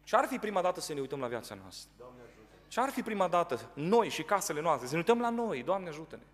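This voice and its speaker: A man with a Romanian accent preaching a sermon in a church prayer house, telling stories and acting out the people in them. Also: a little high. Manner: lively, animated storytelling with voiced quotes. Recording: long hall reverb.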